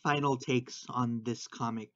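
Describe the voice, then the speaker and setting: A man's voice: mid-range voice, fairly even intonation, a little slow, a bit bright, no room sound, dull audio. A man hosting a podcast chat, steering the talk with a teasing manner.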